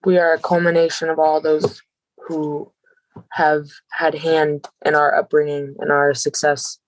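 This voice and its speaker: A young adult woman, a professional wrestler, telling stories in an interview in a grateful, animated way. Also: deep voice, unhurried, no room sound. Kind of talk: casual interview storytelling.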